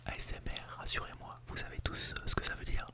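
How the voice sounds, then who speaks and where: A man in a whispered role-play, softly instructing an imagined class as a teacher, with frequent fillers. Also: fast. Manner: soft unvoiced whisper with fillers. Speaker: ASMR channel host playing a teacher.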